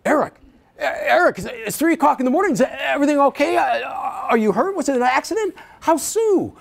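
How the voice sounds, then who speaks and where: A man's voice: very high voice, animated, vocal fry, voice pushed up, exaggerated voice. Man doing an alarmed, startled dad. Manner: alarmed, rapid-fire worried questions. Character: startled father jolted awake by a late call.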